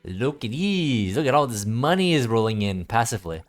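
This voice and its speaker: At a medium pitch and very animated, a man gives casual commentary while streaming a game to background music. His thinking-aloud is halting and meandering, full of repeated phrases.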